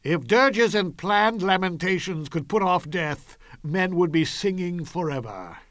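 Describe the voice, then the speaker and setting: A man's voice: high voice, expressive, a little slow, fairly bright tone, no room sound, studio quality. A man as grim, impatient tyrant king. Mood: cold impatience. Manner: commanding, grim, dismissive. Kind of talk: classical Greek tragedy audio performance.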